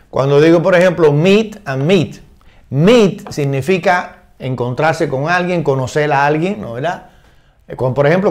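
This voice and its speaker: An older man explaining English words in Spanish, patient and repetitive, slowing down to read English examples and often checking understanding. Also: on the high side, darkish tone. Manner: reads English examples slowly and deliberately. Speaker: English teacher.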